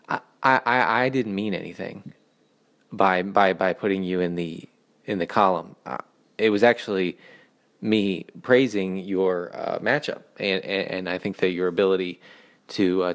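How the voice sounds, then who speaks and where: A male podcast host giving a hesitant, mock-solemn comedic monologue in a deadpan voice. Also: low-pitched. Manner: hesitant, many fillers and restarts, mock-solemn.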